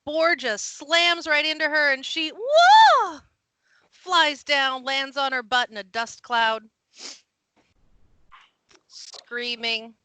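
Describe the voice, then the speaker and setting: Woman gm narrating a tabletop game, bright voice, dry close sound. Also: high voice, no echo, poor audio. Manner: animated, laughing, quick asides. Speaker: game master.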